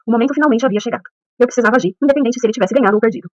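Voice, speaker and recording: A woman narrating a first-person audiobook thriller, reading steadily and quickly. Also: a little high, a little mellow, no echo, dull audio.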